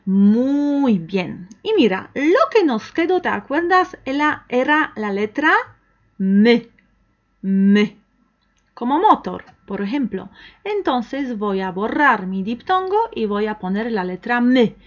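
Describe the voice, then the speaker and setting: A woman with a somewhat high voice gives an online language lesson. She speaks slowly and patiently, asks the learner questions and waits for the answers. The recording sounds dull and lo-fi. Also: very animated. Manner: slow, patient, encouraging, with pauses for the learner to answer. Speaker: language teacher.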